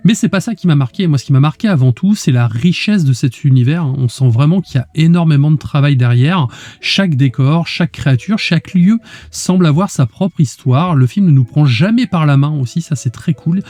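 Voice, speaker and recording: A man's voice: on the high side, animated, brisk, warm tone, dry recording. A man with a duck-like, quacky voice, giving a casual review as a podcast co-host. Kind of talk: casual chronicle to a co-host and listeners.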